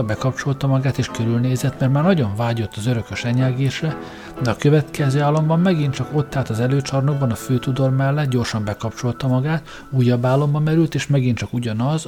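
A man's voice: mid-range voice, a little mellow. Male storyteller reading over music. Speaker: audiobook narrator. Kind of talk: scripted story narration.

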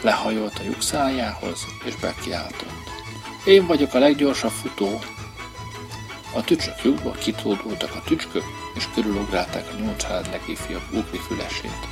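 A man reading a children's story aloud in an expressive, lively storybook manner. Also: lowish voice, gravelly, hardly any pauses. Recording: violin music playing behind.

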